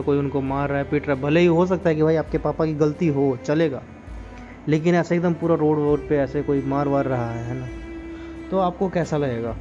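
A man speaks in a casual, earnest monologue and keeps putting rhetorical questions to his listeners. His voice sits a little high, and the recording is dull and lo-fi with faint music behind it. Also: dark tone. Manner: earnest, moralizing, asks many rhetorical questions. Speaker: podcast host.

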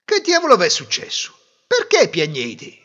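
A man voicing a fed-up young groom, scolding loudly and sarcastically. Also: high-pitched, wildly swooping pitch, a little fast, pitched above the performer's own voice, exaggerated voice. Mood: exasperated. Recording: dull lo-fi recording.

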